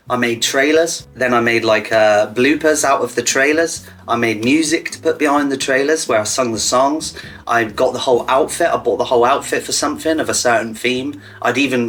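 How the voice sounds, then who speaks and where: Male online creator, average pitch, informal sweary delivery, self-deprecating, light music underneath. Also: fairly bright tone. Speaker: online content creator hosting a hot wing challenge. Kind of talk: casual sweary chat to camera.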